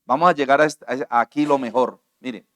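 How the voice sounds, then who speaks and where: A man preaching a sermon as pastor at a church altar, impassioned, moving from hushed asides to shouting and asking the congregation questions over and over. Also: mid-range voice, steady tone, fairly quick. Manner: asks the congregation frequent questions.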